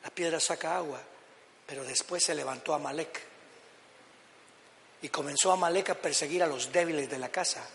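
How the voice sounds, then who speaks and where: An older man preaching a sermon as pastor, dramatic, dropping to low murmurs and rising to shouts. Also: normal speed, vocal fry, pauses often, slight background noise. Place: church hall. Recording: reverberant church hall, faint ambience.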